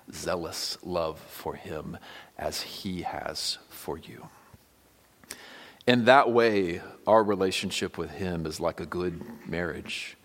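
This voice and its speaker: Deep voiced pastor guy preaching in church, earnest, goes hushed and soft a lot. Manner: earnest, drops to a hushed near-whisper for quoted lines. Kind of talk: sermon. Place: church sanctuary.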